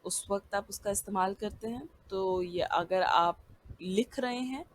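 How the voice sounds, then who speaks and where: A woman's voice: medium pitch, a little slow. A woman teaching English pronunciation in a patient, explanatory lesson and often checking that listeners follow.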